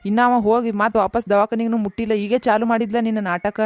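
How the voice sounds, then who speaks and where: Woman voicing a sharp-tongued village mother-in-law. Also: a little high, little pitch movement, no echo, close to an everyday voice. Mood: scolding. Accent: North Karnataka Kannada. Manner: scolding, rapid-fire. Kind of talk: comic cartoon voice acting.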